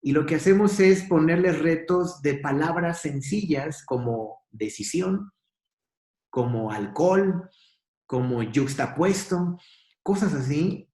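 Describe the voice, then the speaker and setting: A man's voice: a little high, lively intonation, slow, a little mellow, reverberant. A man who trains companies in communication, speaking in a casual conversation and telling stories in a reflective, emphatic way.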